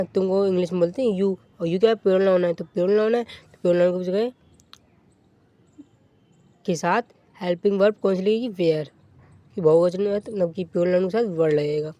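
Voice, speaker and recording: Mellow-voiced male teacher drilling grammar rules. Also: high voice, dry recording. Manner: asks and answers own questions, repeats rules; slows right down to dictate example sentences. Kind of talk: English grammar lesson.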